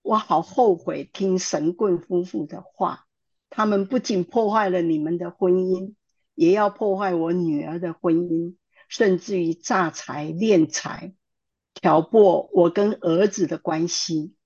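A woman's voice: on the low side, a little slow, darkish tone, slightly rough. A woman voicing an older mother-in-law who apologizes and pleads with tearful remorse, on a dull lo-fi recording. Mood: remorseful pleading.

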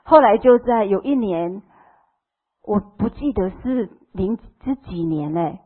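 A middle-aged woman with a Taiwanese Mandarin accent gives her testimony to a church audience, her voice husky and breathy. She tells her story with feeling and plays out every bit of dialogue. The sound is thin and tinny, like a phone line. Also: medium pitch, expressive, slow. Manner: emotional storytelling, acting out quoted dialogue. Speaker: church member giving testimony. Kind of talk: personal testimony to a congregation.

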